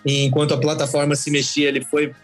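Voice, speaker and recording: A man's voice: fairly high pitch, completely flat delivery, quick pace, faint music behind. A man chatting as a podcast guest, telling rambling travel stories with folksy asides. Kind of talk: casual podcast chat.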